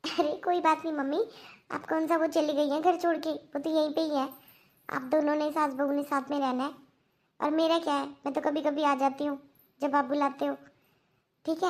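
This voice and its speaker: A woman voicing a young married daughter in a cartoon who earnestly lectures her mother. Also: high voice. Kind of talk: Hindi cartoon dubbing.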